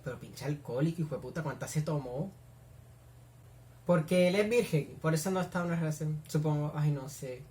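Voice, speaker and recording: A young woman with a Colombian Spanish accent hosts a casual reaction video from a room at home, gushing and squealing effusively as she watches. Her voice is deep and dark in tone, and she talks briskly.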